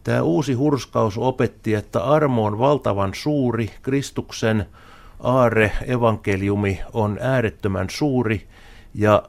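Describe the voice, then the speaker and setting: Gravelly-voiced man explaining thoughtfully. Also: mid-range voice. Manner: thoughtful, restarts and repeats words while explaining. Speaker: theology professor guest. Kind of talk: explanatory discussion.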